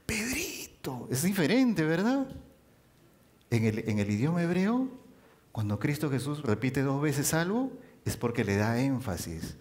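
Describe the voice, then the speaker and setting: Male preacher, animated and expressive, with very lively pitch. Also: unhurried. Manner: animated, rising and dropping for emphasis. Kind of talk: sermon.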